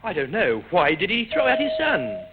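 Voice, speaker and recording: Hosting a vintage radio riddle program for kids, this Australian quiz master talks at a moderate pace in a high voice whose pitch swoops wildly. A studio audience and heavy noise fill the dull, noisy old recording.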